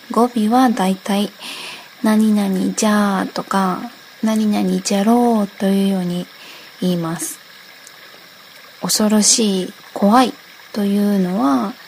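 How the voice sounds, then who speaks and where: A woman's voice: medium pitch, darkish tone, slight background noise, rough recording. A woman from Okayama hosting a casual radio talk, reading listener requests and explaining dialect phrases by reading example lines aloud. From Okayama, Japan.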